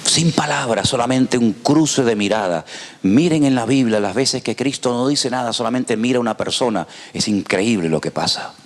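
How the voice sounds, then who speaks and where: A male pastor with a Spain Spanish accent, preaching a sermon as animated storytelling with rhetorical questions. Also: medium pitch, normal speed.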